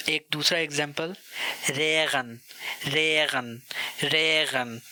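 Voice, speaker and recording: Slow, bright-voiced male language teacher. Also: fairly high pitch, dry recording, poor audio. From South Asia. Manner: slow, clear, drills each sound twice. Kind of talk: slow beginner lesson, repeating each word.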